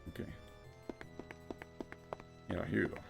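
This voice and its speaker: A man giving casual game commentary, thinking aloud in a halting way and often repeating his words. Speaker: gamer narrating a playthrough. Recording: game music behind the voice. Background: video game music.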